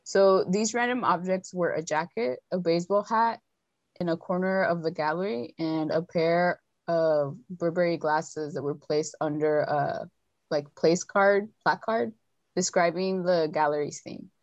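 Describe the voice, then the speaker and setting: A woman's voice: fairly low pitch, unhurried, no room sound, dull audio. Chatty young woman telling a story. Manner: chatty storyteller with fillers and asides. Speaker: podcast host telling a story. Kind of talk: casual chat.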